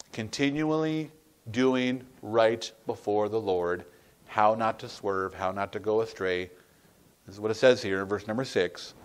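A middle-aged man, a pastor, preaching a sermon with emphatic, dynamic delivery, reading scripture slowly and deliberately. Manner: emphatic preaching, swinging from loud rising peaks to quiet low asides.

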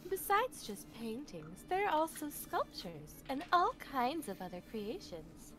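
A posh, prim mother from a video game, as a woman puts her on, speaking with a patronizing, instructive air. Her pitch swings widely and sits a little high. Game music plays behind her. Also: big pitch swings, unhurried, a bit bright, exaggerated voice. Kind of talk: reading game dialogue aloud on stream.

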